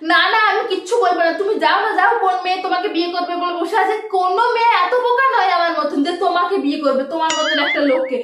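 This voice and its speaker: A woman playing a shrill scolding housewife. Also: very fast, few pauses. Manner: shrill scolding, sharp sing-song complaining. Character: angry overworked middle-aged housewife. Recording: echoey room, distant mic, noisy.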